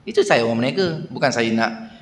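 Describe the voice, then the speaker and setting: A man's voice: medium pitch, brisk. A man with a Malaysian Malay accent giving a mosque lecture, telling anecdotes and acting out the voices of the people in them. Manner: animated storytelling, acts out voices of shopkeepers. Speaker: religious teacher. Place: prayer hall. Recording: echoey prayer hall.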